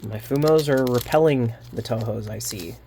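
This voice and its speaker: A man rambling through a card unboxing, halting often with fillers and restarts, a little winded. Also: mid-range voice, mellow, slight background noise. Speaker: card unboxing channel host. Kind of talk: casual unboxing commentary.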